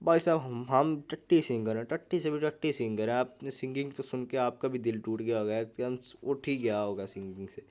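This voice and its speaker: A man's voice: medium pitch, brisk, hardly any pauses, darkish tone. A young man, giving casual, joking commentary over mobile gameplay. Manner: joking, chatty, keeps saying "bhai sahab". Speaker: gaming YouTuber.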